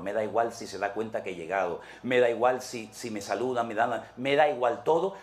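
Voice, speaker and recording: A man with a Spanish accent, a pastor preaching a sermon in church, asking rhetorical questions and moving between emphatic and hushed delivery. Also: fairly low pitch.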